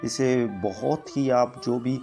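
This product reviewer talks slowly in a dark, medium-pitched voice with fairly even intonation. He wanders through his woodworking tool review, circling back to the same points and leaning on filler, while faint music plays behind him.

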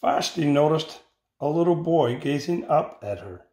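Older man, picture-book reading, unhurried pace, deliberate phrasing, roomy echo. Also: on the high side, expressive, warm tone. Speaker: storybook reader. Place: indoor room with bare walls. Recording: roomy, echoing home recording.

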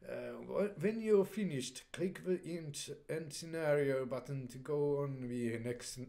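With a fairly high, gravelly voice and a measured pace, a young man does casual let's play commentary on a strategy game. He keeps hesitating, filling pauses and restarting sentences, and reads on-screen dialogue flatly.

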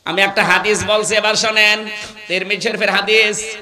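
A man delivers a sermon with a high, piercing voice that rings out hard and bright. He slips into a half-sung chanting cadence between bursts of loud exhortation and keeps firing questions at the crowd. The sound is echoey, like a public address system. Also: flat delivery, moderate pace. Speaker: preacher. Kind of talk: Islamic sermon at a religious gathering.

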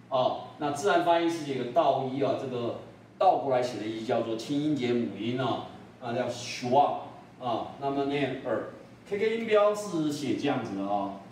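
A man teaching an English pronunciation lesson, slow and deliberate, saying each word several times. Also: mid-range voice, darkish tone. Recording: echoey room, voice a little far from the mic, faint noise.

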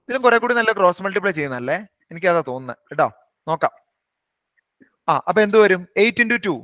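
A man teaching an online maths class. His voice is high and bright, and he talks quickly. The sound is close and dry, with no room around it. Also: big pitch swings, no room sound. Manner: brisk, coaxing, teasing students by name. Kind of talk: live online class, questioning students.

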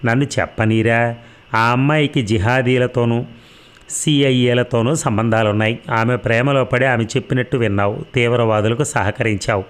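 A man's voice: medium pitch, fairly even intonation, normal speed, smooth, close to an everyday voice. A man reading an audiobook, voicing a harsh male police interrogator who taunts and threatens. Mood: taunting.

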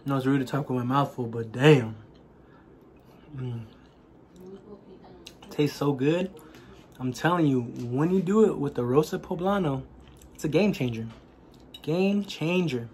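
A man's voice: mid-range voice, normal speed, pauses often, a little mellow. A man hosting a casual cooking tutorial at home, chatty and encouraging as he talks straight to viewers. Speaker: cooking channel host. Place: home kitchen. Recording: noisy kitchen with frying sounds. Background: food frying.

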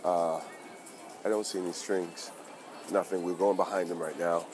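Sex: man. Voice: very deep. Style: slangy street vlog host. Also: normal speed. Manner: excited, slangy, talks straight to viewers. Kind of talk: casual street vlog commentary. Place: outdoors on busy town streets. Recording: busy street crowd and noise.

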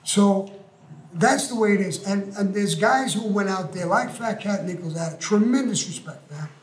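A man's voice: high voice, normal speed. An older man, telling his story bluntly and profanely in a recorded interview. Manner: blunt, profane, tough-talking. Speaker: interview guest. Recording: roomy echo with faint music.

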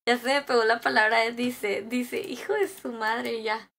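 A woman's voice: fairly high pitch, steady tone, unhurried, vocal fry, a bit bright. A young woman, chatting casually on a game stream, joking and greeting viewers as she reads their messages. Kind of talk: casual live-stream chat.

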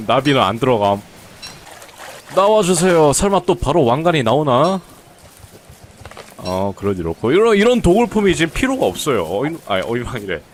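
Lively chatty man streaming a game. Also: medium pitch, brisk, slight background noise. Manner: chatty, talks to game characters, teasing. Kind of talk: casual gameplay commentary. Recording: faint game music behind.

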